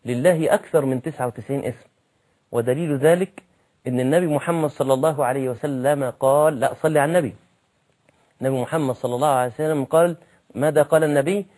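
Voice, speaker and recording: A man's voice: mid-range voice, fast, darkish tone. An Egyptian man giving a religious lesson in an earnest way, repeating his key phrases for emphasis. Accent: Egyptian Arabic. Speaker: preacher.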